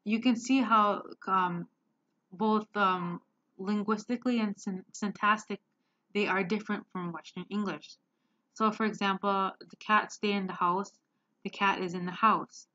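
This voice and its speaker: A woman giving a class presentation on slides, hesitant and filling pauses with many ums. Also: mid-range voice, steady tone, pushed and bright. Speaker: student presenter. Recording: dull lo-fi sound.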